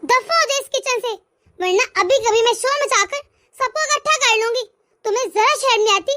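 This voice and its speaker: A defiant young widowed daughter-in-law from a cartoon, voiced by a woman. Her voice is very high and bright, full of indignation and pleading. The sound is dry. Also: normal speed, no room sound. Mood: indignant. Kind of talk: cartoon voice acting.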